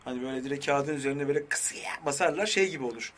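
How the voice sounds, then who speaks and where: A man's voice: mid-range voice, very fast, fairly bright tone, slight background noise. A man co-hosting a radio show, riffing playfully and trading jokes with his partner. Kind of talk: casual comedic radio banter.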